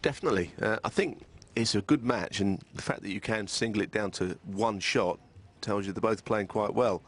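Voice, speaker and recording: A man giving hushed, measured and analytical snooker commentary as co-commentator. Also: fairly low pitch. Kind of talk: hushed live sports commentary.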